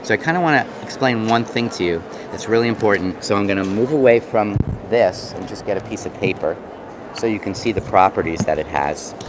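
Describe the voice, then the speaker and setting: A man with a New York accent casually explaining and demonstrating craft products, pausing mid-sentence as he works. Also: lowish voice, animated. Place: busy convention booth. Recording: noisy trade show floor background.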